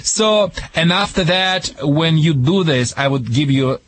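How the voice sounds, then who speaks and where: A man's voice: fairly high pitch, expressive, measured pace, a bit bright. A man from Russia with a Russian accent gives spontaneous advice as a radio dog trainer, speaking emphatically and jokingly with non-native grammar and dropped articles.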